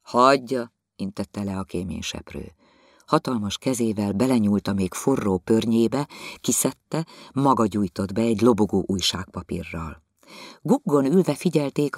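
Male narrator for a literary audiobook, expressive storytelling, animated pitch, dry close-mic studio sound. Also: no echo.

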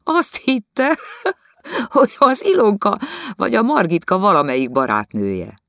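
Man doing a high chattering lady guest. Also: wildly swooping pitch, bright, forceful tone, no echo, studio quality, full character voice. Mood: amused.

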